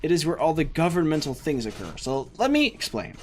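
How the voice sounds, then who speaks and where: Here a young Dutch-accented man from the Netherlands rambles through a game stream, filling his thinking-aloud with fillers and reading chat and game text. His fairly high voice swoops wildly in pitch, moves fairly quickly, and sounds a little mellow, with a slight hiss or hum present.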